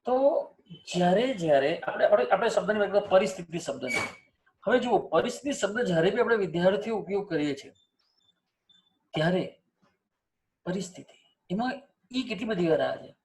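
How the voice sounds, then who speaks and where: A man's voice: sits high, lively intonation, a little fast, pauses often, darkish tone. A man teaching a spelling lesson, asking students questions and repeating example words to drill pronunciation. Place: teaching setup with screen and cursor.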